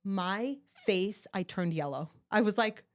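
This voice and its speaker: A young woman, a podcast guest and new mother, telling her story in casual chat, animated and swearing freely as she acts out what people said. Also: medium pitch, measured pace.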